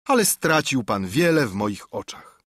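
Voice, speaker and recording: A man's voice: mid-range voice, big pitch swings, measured pace, fairly bright tone, breathy edge, no room sound, clean studio sound, full character voice. A man reading an audiobook, voicing a haughty, indignant older squire with a pompous manner. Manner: huffy, pompous.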